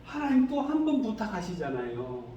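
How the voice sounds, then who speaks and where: Male pastor, sermon, high lively pitch, echoey room with faint hiss. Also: moderate pace, lo-fi sound. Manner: animated, asks the congregation rhetorical questions. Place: church sanctuary. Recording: echoey hall, distant mic, faint noise.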